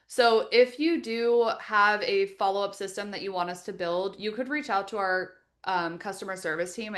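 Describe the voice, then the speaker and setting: Woman walking through a software tutorial. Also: mid-range voice. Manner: step-by-step instructional, friendly and practical. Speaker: software trainer for the company. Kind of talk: live webinar screen-share tutorial.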